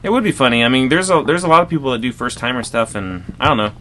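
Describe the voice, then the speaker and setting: A man's voice: medium pitch, expressive, fast talker, bright, forceful tone, slight background noise. A man who is a guest comedian, chatting casually on a podcast and telling rambling, self-deprecating anecdotes.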